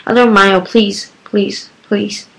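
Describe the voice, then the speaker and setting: A woman voicing a worried mother who is trying to stay calm, reading it aloud in a tense, pleading way. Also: medium pitch, unhurried, gravelly, low-quality recording. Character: worried mother driving through a storm.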